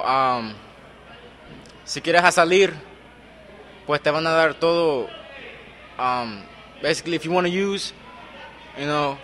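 A man giving halting words of encouragement at a support meeting, switching between English and Spanish with many hesitant fillers. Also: a little high, fairly bright tone.

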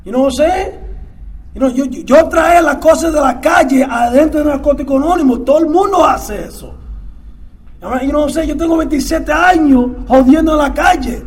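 A middle-aged Dominican man telling his recovery story in casual, repetitive talk, dropping English fillers into his Spanish and swinging between quiet murmurs and loud outbursts. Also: extremely high pitch, normal speed. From Dominican Republic. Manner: mixes English fillers into Spanish, stammers and repeats words. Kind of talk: casual testimony.

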